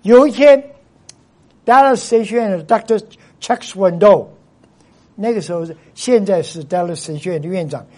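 A man's voice: high voice, normal speed, pauses often, darkish tone. A male pastor preaching a sermon to his congregation. He stresses points by repeating himself and often drops English phrases into his Chinese.

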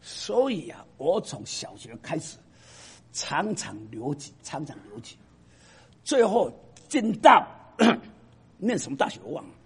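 A man who is a professor, telling stories to an audience in an emphatic, animated way that drops to a hush for the sad parts. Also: fairly high pitch, unhurried, pauses often, breathy edge. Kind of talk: storytelling talk to an audience.

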